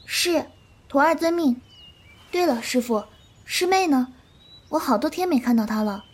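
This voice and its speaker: A woman plays a young disciple and elder martial sister in a Chinese period audio drama, sounding gentle, affectionate and obedient with a tender, coaxing tone. Her voice is high with lively intonation, a little slow.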